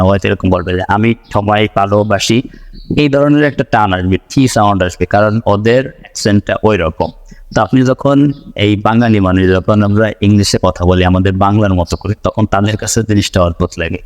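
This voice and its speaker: A man's voice: lowish voice, darkish tone, in a large hall. A man from Bangladesh teaching a spoken English lesson, explaining patiently and repeating his points as he writes them out.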